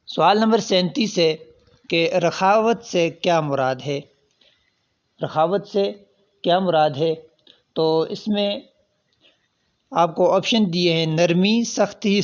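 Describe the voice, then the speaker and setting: A man with a fairly high voice works through past exam questions, reading out every option before he explains the right answer. His explanations are patient and step by step. The recording sounds dull and lo-fi. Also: darkish tone. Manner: reads out options, then explains each answer. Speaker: teacher.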